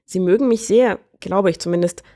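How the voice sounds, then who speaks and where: A woman's voice: medium pitch, a little fast, mellow, lightly acted. A woman voicing a young princess in a storybook reading, with an earnest, determined manner. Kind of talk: storybook character voice.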